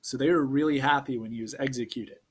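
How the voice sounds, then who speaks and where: A man's voice: mid-range voice, fast talker, slightly rough. A man in his thirties giving a casual history video lesson, joking and cracking corny puns. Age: 30s. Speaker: social studies teacher.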